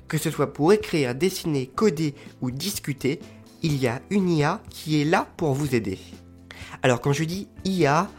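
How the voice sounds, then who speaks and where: A man hosting a podcast, explaining step by step with frequent fillers. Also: a little high. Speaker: podcast host.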